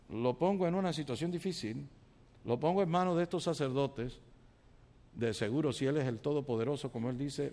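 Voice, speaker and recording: A male pastor preaching a sermon in a fairly high voice. He swings widely in pitch and loudness, acting out his church members and then dropping low and quiet. His delivery moves from brisk conversational asides to slow, emphatic points.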